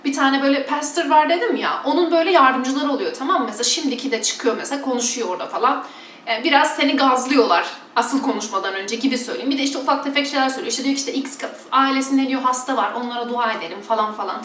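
A woman's voice: high-pitched, expressive, fast, a bit bright, reverberant, recorded from a distance, a little hiss or hum. A woman from Turkey chatting casually and bluntly to her followers, mocking preachers with exaggerated imitations. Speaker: vlogger.

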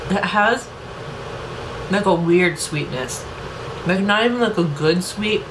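A woman's voice: fairly low pitch, animated, slow, distant mic, noisy background. Woman talking with mouth full of cookie. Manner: candid, chatty, blunt verdicts. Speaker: food vlogger. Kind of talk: casual mukbang taste test.

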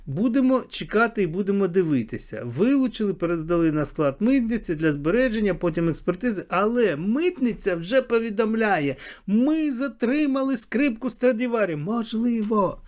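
A man's voice: high voice, big pitch swings, moderate pace, few pauses, darkish tone. A man video blogger giving commentary to camera in a sarcastic way, repeating phrases for emphasis.

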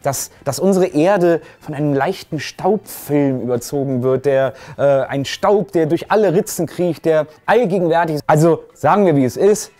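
A man's voice: on the high side, dark tone. A man hosting a casual film review show, talking in a sarcastic, ranting way. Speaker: film critic, show host.

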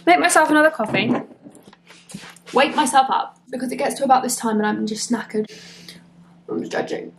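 A woman's voice: high voice, reverberant. A woman, chatting upbeat to a handheld camera in her home kitchen. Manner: chatty and upbeat, lively exclamations. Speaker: vlogger. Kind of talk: casual chat to camera.

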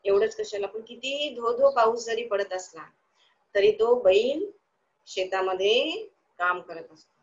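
A woman's voice: a little high, lively intonation, a little slow, pauses often, muffled recording. A woman teaching young children in an online class, asking the class questions and answering them herself in a sing-song, coaxing way.

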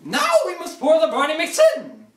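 A young man playing a zany over-the-top TV chef in a spoof cooking show, shouting sing-song exclamations in mock foreign phrases, filmed in a home kitchen on a camera a few steps away. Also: very high-pitched, animated, moderate pace. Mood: manic. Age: young adult. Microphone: phone camera a few steps away. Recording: echoey kitchen, camera from a distance.

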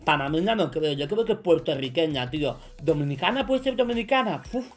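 Excitable man with a Spain Spanish accent. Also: fairly high pitch, brisk, faint music behind. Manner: excitable, joking, boastful, bursts into shouts. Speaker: streamer playing a quiz. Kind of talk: casual gaming commentary.

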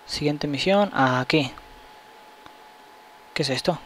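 A young man, giving loose, excitable let's-play commentary and swearing at the game. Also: a little high, takes it slowly, slight background noise. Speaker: gaming channel host.

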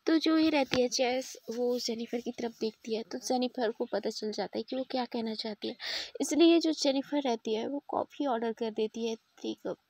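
A woman's voice: on the high side, normal speed, darkish tone, no room sound. A woman narrating a love story in a chatty, rambling way.

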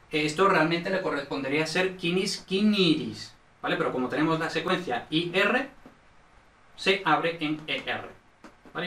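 A man's voice: a little high, bright, forceful tone, roomy sound, distant mic. A man from Spain, explaining Latin grammar in a recorded online lesson, often checking in with short tag questions. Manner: explanatory, frequent checks with "¿vale?" and "¿no?". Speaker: Latin teacher.

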